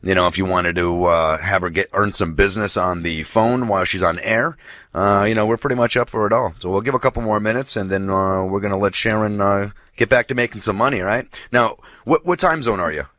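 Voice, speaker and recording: A man with a raspy voice hosting a radio show, joking around in loose, crude banter with his guest. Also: lowish voice, fairly quick, fairly bright tone, no room sound, clean studio sound. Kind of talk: casual radio interview.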